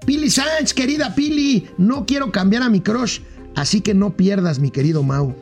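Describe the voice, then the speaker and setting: High gravelly-voiced Mexican co-host, jokey reader of viewer comments, faint music underneath. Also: male voice, animated, moderate pace. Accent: Mexican Spanish. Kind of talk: casual talk-show chat.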